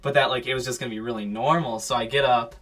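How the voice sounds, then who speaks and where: A young man giving casual interview testimony about a raid, rambling with many fillers and acting out the shouted lines. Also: medium pitch, steady tone, fast. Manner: rambling, filler-heavy, acts out shouted quotes. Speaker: raid eyewitness.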